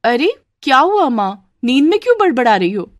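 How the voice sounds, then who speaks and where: A woman puts on a meddling young sister-in-law in an animated storybook, high and eager, quick to tattle. The voice sits close and dry. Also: no echo. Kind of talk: Hindi storybook voice acting.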